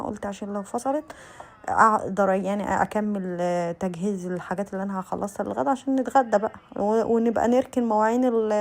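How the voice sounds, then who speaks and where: A young adult Egyptian woman with an Egyptian Arabic accent, chatting casually in voice-over as a lifestyle vlogger, speaking straight to her viewers with many restarts. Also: mid-range voice. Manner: chatty, addresses viewers directly, frequent restarts.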